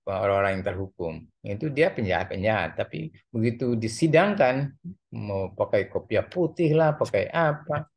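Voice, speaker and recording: A middle-aged man with an Indonesian accent giving a casual university lecture, rambling, repeating words and laughing at his own jokes. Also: mid-range voice.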